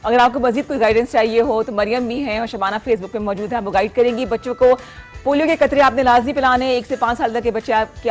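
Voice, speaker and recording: A woman with a Pakistani Urdu accent hosting a live morning TV show, chatting with guests and callers and mixing in English phrases. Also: fairly high pitch. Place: TV studio.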